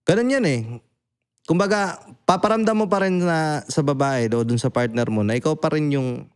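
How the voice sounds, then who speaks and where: Young guy hosting a podcast, smooth clear voice, blunt and animated, keeps going "di ba?". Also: on the high side, moderate pace. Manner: animated, swears freely, peppers talk with "di ba?". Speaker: podcast host. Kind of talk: casual Tagalog podcast chat.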